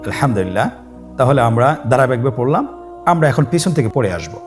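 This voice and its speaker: A man's voice: mid-range voice, animated. Male Quran teacher, patient call-and-repeat drills, faint music underneath. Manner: slow call-and-repeat drilling, drawn-out sung letter names. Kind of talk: step-by-step Arabic letter lesson.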